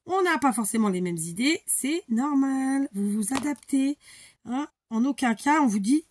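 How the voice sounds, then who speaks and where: A woman's voice: high-pitched, animated, measured pace, a little mellow, slight background noise. A woman hosting a crafting tutorial, chatting casually and thinking aloud, muttering to herself as she works.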